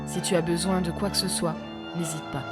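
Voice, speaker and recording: A woman voicing a gruff middle-aged male detective who speaks firmly and curtly. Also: on the low side, fairly even intonation, brisk, loud music behind the voice, lightly acted. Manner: firm and curt.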